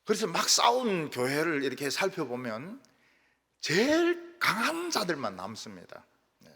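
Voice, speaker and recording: Animated older pastor in a reverberant church. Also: male voice, on the high side, unhurried, husky. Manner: animated storytelling, acts out quarrels in regional dialects. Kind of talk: sermon. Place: church sanctuary.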